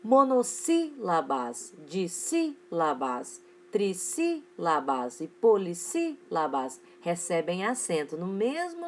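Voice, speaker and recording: Lively female teacher, slow word dictation. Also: on the low side, a little hiss or hum. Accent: Brazilian Portuguese. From Brazil. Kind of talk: recorded online class for children.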